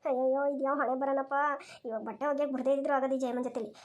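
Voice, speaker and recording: A woman's voice: sits high, fairly even intonation, very fast, darkish tone, close to an everyday voice. A woman voicing an anxious young village woman in a cartoon who wails and pleads for help. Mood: fretful. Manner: wailing, pleading. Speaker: bystander at the lake. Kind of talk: cartoon voice acting.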